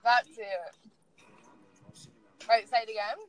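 A woman's voice: fairly high pitch, slow pace. Giggly woman on a call. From Australia. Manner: giggly, shy, playful. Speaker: caller. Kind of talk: casual phone call banter.

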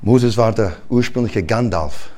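A male pastor giving a sermon in a conversational, animated way, often restarting his sentences. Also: fairly low pitch, a little slow, slight background noise.

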